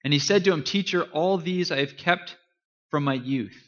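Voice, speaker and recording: An earnest male pastor preaching with emphatic, forceful delivery and a fairly high voice. He leans into key phrases and lets dramatic pauses land. The recording sounds slightly muffled. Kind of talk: sermon.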